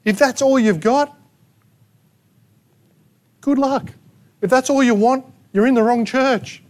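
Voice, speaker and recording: Australian male pastor, high voice, punchy sermon delivery, fires rhetorical questions at the room. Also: moderate pace. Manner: emphatic preaching with rhetorical questions and sharp asides. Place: church gathering in a rented hall.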